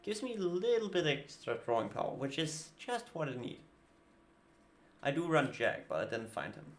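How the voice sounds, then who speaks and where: A native Danish speaker with a Danish accent streams a card game live, casually talking through his moves and muttering asides. His voice is fairly high and very animated, delivered at a normal speed.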